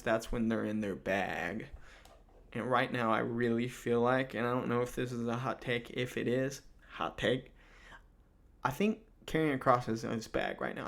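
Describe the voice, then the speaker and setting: A man's voice: mid-range voice, vocal fry, a bit bright. A man with a mid-range voice hosts a laid-back wrestling rundown. He rambles and restarts his sentences, and he leans on casual fillers as he talks. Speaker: wrestling recap host. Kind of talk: casual spoken recap.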